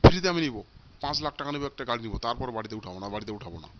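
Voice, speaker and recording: A man's voice: medium pitch, animated, rapid-fire, muffled recording, heavy background noise, natural voice. A man voicing a furious, cursing old father. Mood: angry. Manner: shouting, cursing, repeating threats. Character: foul-mouthed stingy old father, always furious. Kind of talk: comic cartoon voice acting.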